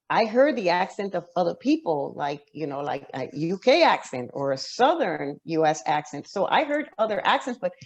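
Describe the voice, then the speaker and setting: Low-voiced woman, reflective author guest. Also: muffled recording. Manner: reflective, with frequent restarts and fillers. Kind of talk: conversational interview answer.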